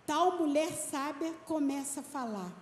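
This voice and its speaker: A woman pastor giving an emphatic sermon, stretching out key words slowly. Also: high-pitched, expressive, slight background noise. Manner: emphatic preaching, slow and drawn-out stresses. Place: church. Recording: echoey hall with long reverb, faint ambience.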